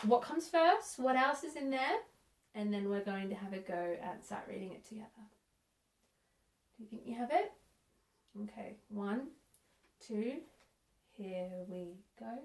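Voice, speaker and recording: A woman teaching a music lesson for young children, counting in and praising warmly. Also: mid-range voice. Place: room at home. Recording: echoey room, a bit distant.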